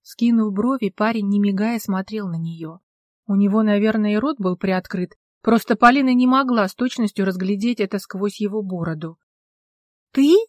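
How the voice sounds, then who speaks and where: A woman reading a story aloud in measured, scripted narration. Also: medium pitch, dry recording, clean studio sound. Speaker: audiobook narrator.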